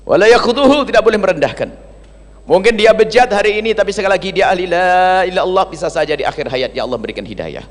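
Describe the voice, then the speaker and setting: A male preacher delivers a sermon in a rather high voice, lively and emphatic. He swings between loud, stressed phrases and hushed remarks. The recording has a long, hall-like reverb. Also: fast talker. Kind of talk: religious sermon.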